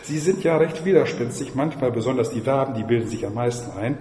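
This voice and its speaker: A man's voice: mid-range voice, lively intonation, quick pace, mellow, close to an everyday voice. A man voicing a pompous, haughty talking egg man who speaks in a lofty, lecturing tone. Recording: echoey lecture hall, faint noise.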